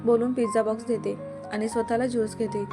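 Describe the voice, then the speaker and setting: A woman's voice: a little high, flat delivery, fairly quick. Woman narrating a serial story over music. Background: background music.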